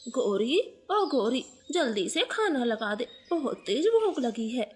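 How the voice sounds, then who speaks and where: A woman's voice: fairly high pitch, sing-song, slow, slight background noise. A woman voicing a hungry, demanding grown son bird in a cartoon, calling out impatiently.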